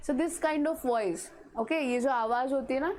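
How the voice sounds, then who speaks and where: A woman's voice: high-pitched, unhurried, a little mellow, a little hiss or hum. A woman teacher with an Indian English accent, giving a classroom grammar lesson and mixing Hindi and English while she keeps checking that students understand.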